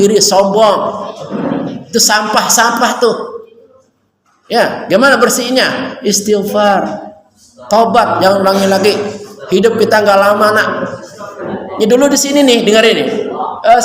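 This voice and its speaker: A man giving an animated religious talk to students, going from loud urging to hushed warnings. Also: sits high. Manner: animated, swings from loud to hushed, calls listeners nak. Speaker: religious teacher at a school orientation. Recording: echoey hall with faint ambience.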